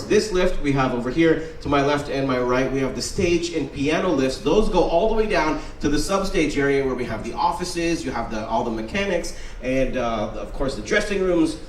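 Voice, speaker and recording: A man giving an upbeat, enthusiastic live stage presentation as a cruise director, like a showman addressing an audience. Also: on the high side. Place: large indoor ship theater venue. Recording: roomy, distant venue sound with faint noise.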